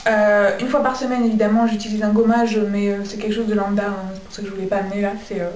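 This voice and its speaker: A woman's voice: medium pitch, level tone, fast talker, darkish tone. A young woman casually reviewing her skincare products, chatty and full of hesitations. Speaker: beauty vlogger. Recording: echoey room, mic at a distance.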